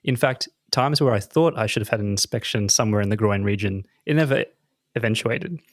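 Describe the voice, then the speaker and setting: A man co-hosting a podcast, telling a comic story in an animated, self-mocking way with frequent laughs. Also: fairly low pitch, brisk, dry recording, studio quality. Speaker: podcast co-host. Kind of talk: casual chat, comic storytelling.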